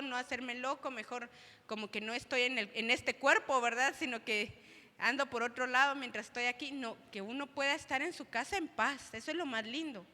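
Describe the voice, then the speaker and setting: A woman's voice: fairly high pitch, sharp tone, long reverb tail. A woman co-presenting at a church service, speaking thoughtfully and often checking in with the listeners. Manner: thoughtful, frequent tag questions. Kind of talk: reflective church talk.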